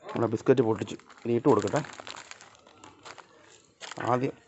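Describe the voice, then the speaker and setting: A man's voice: medium pitch, fairly even intonation, a little fast. Man coaxing and scolding his pets. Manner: talks to animals in a coaxing, scolding way. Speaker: vlogger. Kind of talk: casual chat to pets and camera. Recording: dull lo-fi sound with faint noise.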